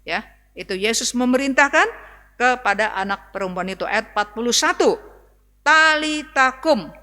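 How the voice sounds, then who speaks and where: A woman pastor delivers a sermon in a casual, conversational manner and keeps turning to speak to her congregation. Her voice is bright and somewhat high. The sound carries a long reverb from the church hall. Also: lively intonation, brisk, faint music behind. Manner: conversational preaching, often addressing the congregation as brothers and sisters.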